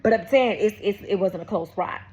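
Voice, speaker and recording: A woman from Atlanta, USA, shares a faith testimony in a casual vlog, with a medium-pitched voice, a fairly quick pace, and slight background noise. Talking straight to viewers, she keeps calling them y'all and baby. Her storytelling is animated, and she often restarts her sentences.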